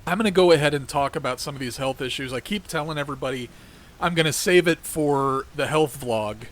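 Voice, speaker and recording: On his own show, a middle-aged podcast host rants heatedly about politics, then settles into a rambling, conversational monologue. He speaks briskly, with a fairly high, fairly bright voice that is congested and keeps cracking.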